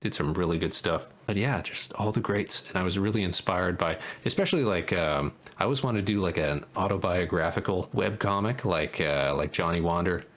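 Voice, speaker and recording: A man's voice: low voice, fairly quick, hardly any pauses, a bit bright. A man chatting casually and joking with fellow artists while drawing. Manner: joking, chatty, with many fillers. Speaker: artist in a group drawing stream. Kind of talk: casual chat. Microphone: online voice call.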